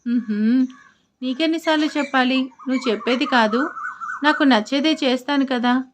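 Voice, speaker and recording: A woman's voice: high voice, normal speed, background noise, close to an everyday voice. A woman doing a teasing young husband.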